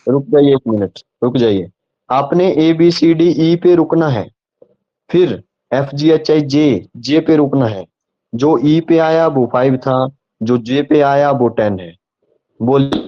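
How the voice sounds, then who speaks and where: A man's voice: medium pitch, slow, highs cut off. A man teaching a live online class, repeating points and asking the students if they follow. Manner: patient, repeats and checks understanding. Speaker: online tutor.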